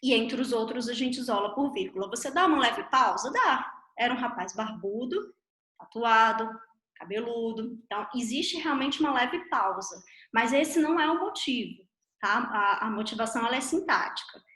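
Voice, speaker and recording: A woman's voice: on the high side, animated, normal speed, pushed and bright. Chatty woman teacher, echoey room. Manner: explanatory, chatty, frequent tag questions. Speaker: Portuguese teacher. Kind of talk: online grammar lesson.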